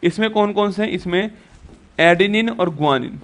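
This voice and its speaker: A man's voice: high-pitched, measured pace. A male teacher giving an exam-prep lecture who keeps repeating points and quizzing students with rhetorical questions.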